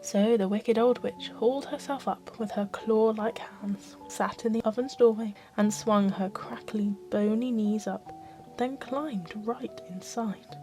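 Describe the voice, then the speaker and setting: A woman reads a fairy tale as ASMR. Her delivery is soft and expressive, made for bedtime, over gentle background music. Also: on the high side, measured pace. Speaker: storyteller.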